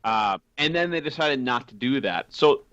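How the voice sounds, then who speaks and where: A man's voice: mid-range voice, expressive, moderate pace, a bit bright, no room sound, muffled recording. A man co-hosting a gaming podcast, talking casually with lots of fillers and easy laughs. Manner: chatty, laughs often, many fillers. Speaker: podcast co-host.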